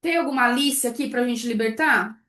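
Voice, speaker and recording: A woman teaching a live online class, keeping up a lively run of rhetorical questions to her students. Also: fairly high pitch, normal speed, roomy sound. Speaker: baking business instructor.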